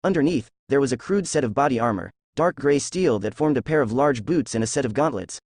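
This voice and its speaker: A man reading a fan fiction story aloud in a steady storytelling voice. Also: medium pitch, a little fast, no room sound, studio quality. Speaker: narrator.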